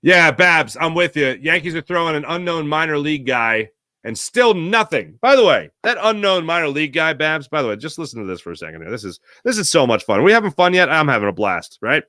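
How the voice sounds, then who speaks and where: A man hosting a casual sports podcast, reading viewer chat with sarcastic, animated commentary. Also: a little fast, no room sound, studio quality. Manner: reads ad copy with big pitch swings. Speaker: podcast host.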